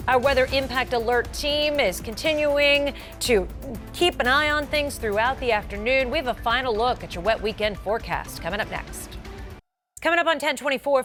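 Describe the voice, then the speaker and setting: A TV news anchor with an American accent reads a scripted local broadcast, her mid-range voice fairly bright. Her delivery is smooth and professional, with stress placed on key terms.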